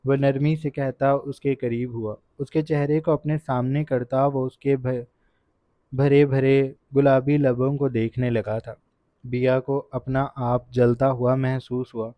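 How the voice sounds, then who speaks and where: A man's voice: medium pitch, little pitch movement, warm tone, no echo. Man narrating a dramatic romance novel. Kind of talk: audiobook narration. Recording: dull, dry lo-fi recording.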